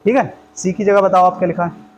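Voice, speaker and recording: A man teaches a math class, working through each step aloud and firing questions at his students. His voice sits high. Faint classroom noise runs under the recording. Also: steady tone, fast, rough recording. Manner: explains steps aloud, quizzes the class with questions. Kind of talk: classroom lesson.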